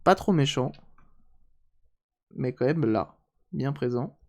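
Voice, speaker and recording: A man's voice: mid-range voice, expressive, takes it slowly. A man chatting casually on a live stream while repairing a handheld console, joking and answering chat aloud.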